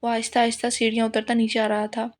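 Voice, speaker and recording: A woman's voice: on the high side, completely flat delivery, fast talker. Woman reading a romance novel aloud. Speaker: novel reader. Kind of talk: audiobook narration of a romance novel.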